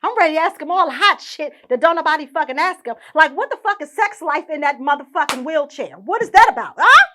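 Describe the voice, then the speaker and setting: A woman's voice: sits high, fast, few pauses, noisy background. A young woman hosting her own podcast, ranting indignantly and swearing constantly. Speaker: podcast host. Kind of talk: profane ranting monologue.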